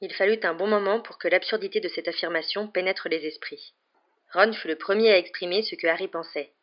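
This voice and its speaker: A woman reading a chapter aloud as a bedtime story for a web radio show, in a chatty, steady way. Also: fairly low pitch, a little fast, muffled recording. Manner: chatty recap, then steady narration. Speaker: radio reader.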